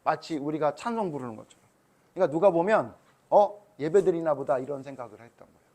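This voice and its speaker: A male pastor leads a children's Sunday school sermon, turning the Bible story into an animated retelling and acting out each speaker's words. He keeps pulling the children in, asking them question after question by name. His voice sits slightly high for a man. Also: fast talker.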